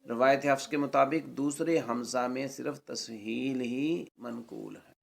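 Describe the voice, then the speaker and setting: A man teaching Quran recitation rules, spelling out letters and vowels syllable by syllable and drawing out the Arabic words slowly. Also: mid-range voice, steady tone, vocal fry. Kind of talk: tajweed lesson.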